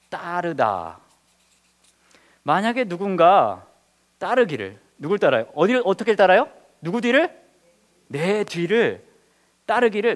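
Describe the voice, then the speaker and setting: A man, a pastor, leading a Bible study lesson, asking his listeners questions and joking with them. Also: a little high. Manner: lively teacher, quizzes the group, jokes.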